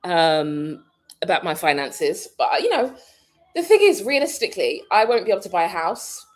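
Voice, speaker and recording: A British woman vlogging in a casual, rambling way, thinking out loud and laughing often. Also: fairly low pitch, wildly swooping pitch, moderate pace. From Britain. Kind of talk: casual vlog chat.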